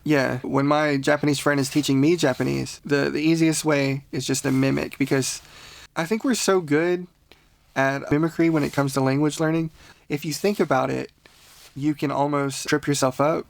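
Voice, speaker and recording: A man's voice: fairly high pitch, fairly even intonation, normal speed, vocal fry. A man teaching a casual beginner language lesson on a podcast, patient and laughing often.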